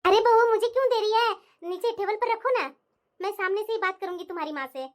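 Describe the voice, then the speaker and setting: A scheming, boastful mother-in-law from a family cartoon, voiced by a woman. Her voice sits very high and thin, and she swings between fake sweetness and sharp taunts. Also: fast, faint music behind. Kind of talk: cartoon voice acting.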